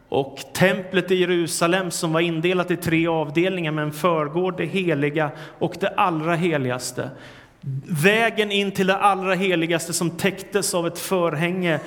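A man delivers a sermon in an earnest, measured way and rises to emphatic cries on the words he quotes. His voice sits a little higher than most men's. The sound carries a long, lingering church-hall reverb. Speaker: preacher.

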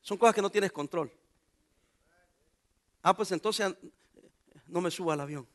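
A man's voice: sits high, a little slow. A man preaching a sermon as pastor, joking and calling out to the congregation. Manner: animated preaching with jokes and calls to the congregation.

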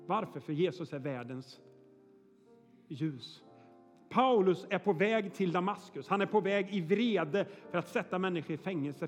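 Guy pastor with a high voice, chatty preaching, long church echo, soft music under it. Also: husky. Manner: chatty storytelling with frequent "eh" and "är ni med?". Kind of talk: sermon. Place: church hall.

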